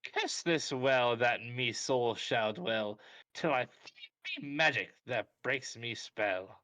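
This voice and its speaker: A man doing an impression of a mischievous magical leprechaun, reciting rhyme in a slow sing-song. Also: medium pitch, sharp tone, dry recording, far from the mic, voice pushed down. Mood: incantatory.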